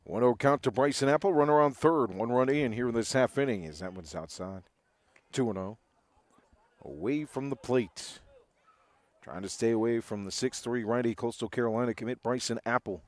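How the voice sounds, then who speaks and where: A man's voice: mid-range voice, moderate pace, dry recording. A man doing live baseball play-by-play, with a home run call style that stretches out on big hits.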